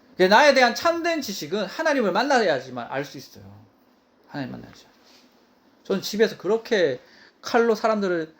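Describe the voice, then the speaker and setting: A man preaching a sermon as pastor, his voice pitched high and swinging widely up and down. He leans hard on his points and repeats key phrases for emphasis.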